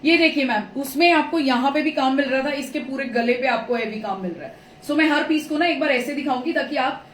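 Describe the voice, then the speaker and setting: A woman's voice: high-pitched, brisk, recorded from a distance. A woman running a live clothing sale, chatting with viewers, calling them ma'am and mixing in English phrases. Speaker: online clothing seller. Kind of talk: live sales stream, casual chat with viewers. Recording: roomy echo, voice a little off mic, faint background noise.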